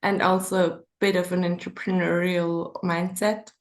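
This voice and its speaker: A woman's voice: lowish voice, flat delivery, moderate pace. A woman from Switzerland with a Swiss German accent, an author thinking aloud hesitantly in a conversational interview.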